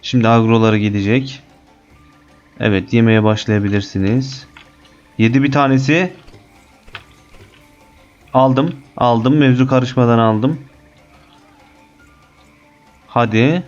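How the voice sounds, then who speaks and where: A man giving casual, chatty commentary on his gameplay as a channel host, excitable and cursing lightly at the creatures. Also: on the low side, dull audio.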